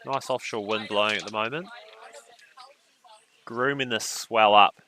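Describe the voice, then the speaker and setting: A man's voice: on the low side, unhurried, a crowd in the background, rough recording. A man commentating a surf contest on a live stream, with laid-back, joking banter.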